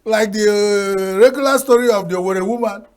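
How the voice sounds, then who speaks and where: Fairly quick and high-voiced, an older Nigerian man whose first language is Igbo gives folksy TV talk show commentary. He drops proverb after proverb and chuckles at his own jokes.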